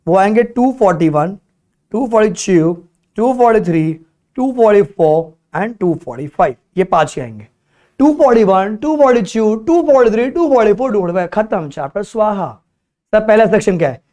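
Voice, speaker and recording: Indian man, law tutor, higher voice, repeats key terms, plays out student questions. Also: lively intonation, normal speed, a little mellow. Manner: mixes Hindi and English, repeats key points, acts out students' questions. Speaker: law teacher. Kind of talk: exam revision lecture.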